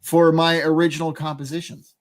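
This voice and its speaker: A man's voice: on the high side, flat delivery, a little fast. A man co-hosting a podcast in casual chat, rambling with lots of fillers and frequent laughter. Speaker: podcast co-host.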